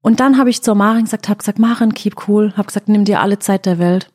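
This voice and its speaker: A woman's voice: medium pitch, fast, a little mellow. A woman telling a story in casual chat, quoting her own words as she goes.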